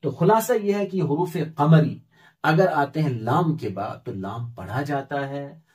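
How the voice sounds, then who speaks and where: A man's voice: fairly high pitch, a little slow, a little mellow. A middle-aged man teaching Quran reading in a step-by-step lesson, patiently spelling out letters and vowel marks one by one.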